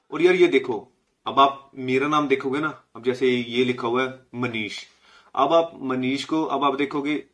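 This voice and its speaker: A man's voice: medium pitch, a bit bright. Man patiently teaching letter sounds. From India. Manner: explains patiently, repeats letter sounds slowly. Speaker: language teacher. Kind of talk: casual spoken lesson.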